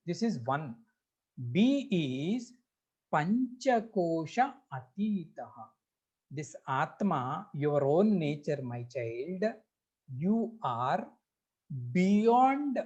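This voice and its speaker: A man's voice: on the high side, a little mellow, slightly rough, lo-fi sound. A man with an Indian accent giving a Vedanta discourse as a spiritual teacher, explaining didactically in short repeated phrases and putting questions to his listeners.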